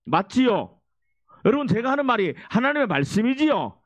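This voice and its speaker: High-voiced, lively man preaching a sermon. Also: moderate pace, no room sound. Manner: exhorting, prompts the congregation to repeat and answer. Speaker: pastor. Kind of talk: sermon with call-and-response.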